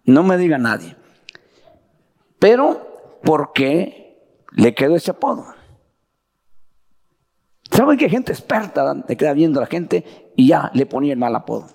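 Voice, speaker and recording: A man's voice: fairly high pitch, big pitch swings, a little slow, creaky, pauses often, a little mellow, slightly rough, in a large hall. A man preaching a sermon, who keeps calling his listeners "brother" and asking them to agree. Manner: keeps addressing listeners as "hermano" with tag questions.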